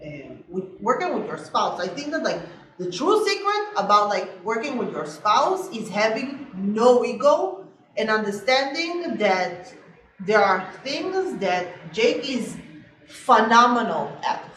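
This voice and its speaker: Animated woman on a low-quality echoey recording. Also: unhurried, slight background noise. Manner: animated, lots of "like" fillers. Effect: low-quality sound after the mic died. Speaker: realtor, co-host of a couple's channel. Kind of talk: casual chat to camera. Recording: distant, echoey room sound.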